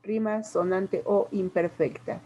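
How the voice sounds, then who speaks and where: Mexican lady teacher going thru poetry terms slow and patient, warm voice, kinda muffled lo-fi sound. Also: medium pitch, fairly even intonation. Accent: Mexican Spanish. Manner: patient, explains step by step with examples. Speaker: literature teacher. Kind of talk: classroom lesson.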